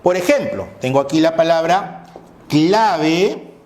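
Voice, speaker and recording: Brief: male teacher lecturing slowly with a lively, rising-and-falling voice, in an echoey room. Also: a little high, slight background noise. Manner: explanatory, repeats "¿no es cierto?" and "eh" often. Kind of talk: classroom lecture.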